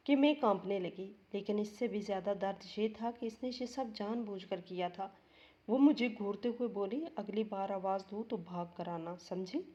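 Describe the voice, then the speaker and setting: Woman telling a sad story slow and heartfelt, warm mellow voice, dull lo-fi sound. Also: medium pitch. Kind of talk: emotional first-person story narration.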